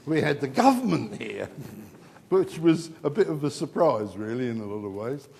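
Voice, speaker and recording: A man's voice: mid-range voice, big pitch swings, moderate pace, vocal fry, darkish tone. A man moderating a conference panel, wrapping up with rambling, chatty remarks that often restart mid-sentence. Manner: rambling, chatty, self-interrupting. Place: conference hall. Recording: long hall reverb.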